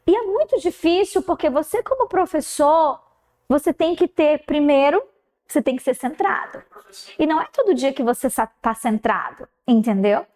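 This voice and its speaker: A middle-aged woman teacher, her voice sitting high. She tells a classroom story in a casual way and acts out both sides of the dialogue with sudden jumps in pitch. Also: lively intonation, moderate pace, darkish tone.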